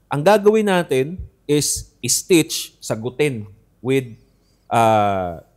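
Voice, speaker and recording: A man's voice: medium pitch, big pitch swings, extremely slow, darkish tone. A man co-hosting a casual podcast, arguing his point and asking "right?" again and again. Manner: argumentative, repeats "di ba?" often. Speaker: podcast co-host.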